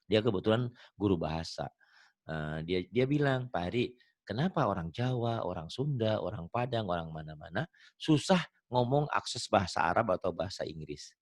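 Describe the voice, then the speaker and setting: A middle-aged man teaches Quran reading in an online lesson, his low voice rising and falling a great deal as he talks. He explains patiently and chattily and draws out the recited verses in a slow chant. The sound is dry and close. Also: dry recording.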